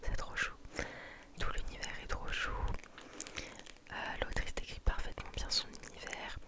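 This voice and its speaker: A woman speaking in a soft, breathy library whisper, close to the microphone, as in an ASMR book recommendation. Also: moderate pace.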